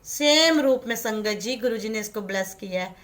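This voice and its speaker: Bright, high-pitched woman vlogger. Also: lively intonation, moderate pace, slight background noise. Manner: warm, coaxing, addresses viewers as sangat ji. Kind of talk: devotional vlog, chatty storytelling. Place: indoors in a home. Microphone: handheld phone camera.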